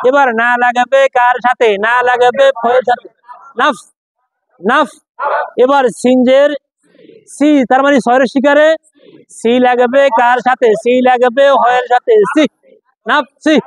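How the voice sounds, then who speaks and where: A man's voice: very high-pitched, dry recording, rough recording. A man teaching Quranic letter reading to a class, spelling out sounds and asking questions that he answers himself. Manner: drills spelling by call and response, asks questions and answers himself. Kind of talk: classroom lesson.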